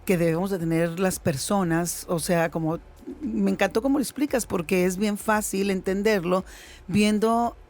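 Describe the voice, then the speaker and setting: A woman's voice: medium pitch, fairly even intonation, normal speed, darkish tone. A woman, hosting an interview in a casual conversational way, with many fillers and restarts. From Mexico. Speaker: host.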